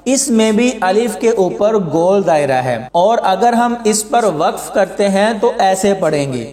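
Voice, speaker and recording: A man teaching Quran reading in a slow explanatory lesson, with a Pakistani Urdu accent, drawing out the words he recites. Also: sits high, animated, a little mellow. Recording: echoey room with long reverb.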